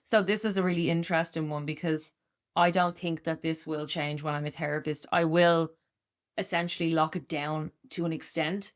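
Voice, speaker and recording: Loud, giddy woman in her thirties. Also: low-pitched, steady tone, moderate pace. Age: 30s. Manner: candid, laughs often, acts out quoted voices. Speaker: podcast co-host. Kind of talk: casual chat.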